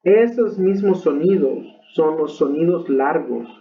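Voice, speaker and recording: Slow-talking man teaching English. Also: a little high, lively intonation. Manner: slow, patient explaining with frequent "ok?" check-ins. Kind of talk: recorded online lesson. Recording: tinny phone-like audio.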